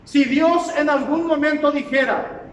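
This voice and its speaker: A pastor with a very high voice delivers an unhurried, emphatic sermon, repeating points to drive them home. He sounds far from the microphone, with a long hall reverb trailing each phrase over faint noise.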